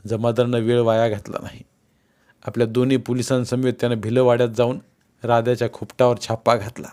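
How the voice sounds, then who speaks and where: A man narrating a literary short story in a steady, measured reading voice. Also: mid-range voice.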